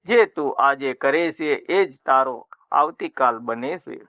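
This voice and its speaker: A man voicing a calm, wise divine teacher in a retold legend, speaking gently and instructively. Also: mid-range voice, slow pace, no echo.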